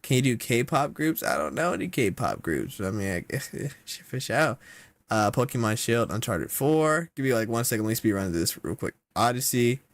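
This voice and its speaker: A young man giving casual reaction commentary, slangy and exasperated, with sudden loud outbursts. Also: medium pitch, big pitch swings, moderate pace, no room sound. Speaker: content creator.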